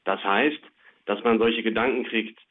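Heard over a tinny, narrow phone line, this man speaks a little slowly in a steady, lowish voice. He's a child psychiatrist appearing as an expert guest, giving plain, simple explanations with little spoken examples.

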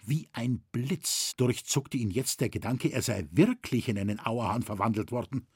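A man reading a novel aloud as narrator, with expressive storytelling. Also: mid-range voice, normal speed, breathy edge, no echo, studio quality. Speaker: audiobook narrator.

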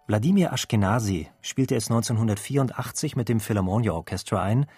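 A man with a fairly low voice narrates a documentary script at a measured, even pace. Soft classical music plays quietly underneath him, and his delivery stays steady and composed throughout. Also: husky. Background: faint classical music.

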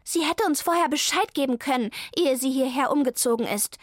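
Lady doing a squeaky riled-up girl cat, meowing and fuming, dry close mic. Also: fairly quick, no echo, close to an everyday voice. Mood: outraged. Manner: high, shrill and agitated with meows. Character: excitable indignant female cat.

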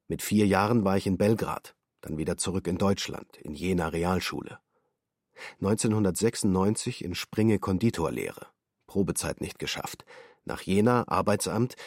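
A man's voice: low-pitched, darkish tone, no room sound, studio quality. An actor playing a male defendant in his thirties, giving clipped, terse testimony in a documentary radio drama.

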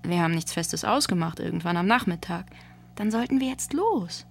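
A woman voicing a dry, sarcastic young sister who speaks in short, clipped lines with a gravelly edge. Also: lowish voice, animated, moderate pace, a little hiss or hum.

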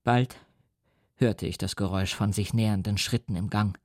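A man reading a gothic novel aloud in first person, measured and tense. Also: on the low side, fairly even intonation, a little mellow, no room sound, studio quality. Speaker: audiobook reader. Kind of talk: scripted first-person narration.

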